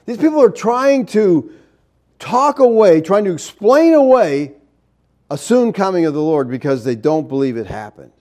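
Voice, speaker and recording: Male preacher, mid-high and mellow, incredulous and animated, arguing hard. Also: normal speed. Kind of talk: sermon.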